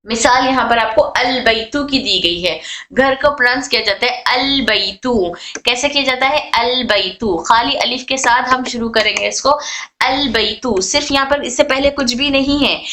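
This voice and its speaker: A woman teaching a class on Arabic letter rules, repeating points, asking questions and answering them herself, and stretching out example words slowly. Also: high-pitched, sharp tone. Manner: drawn-out slow model readings of words. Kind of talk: online class lecture. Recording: echoey room.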